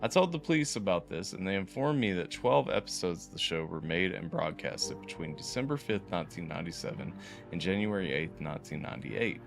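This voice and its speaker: A man's voice: low-pitched, animated, fairly quick, vocal fry, music in the background. A man reading a horror story aloud as a podcast host, stumbling and restarting now and then. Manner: reads unevenly, stumbles and restarts.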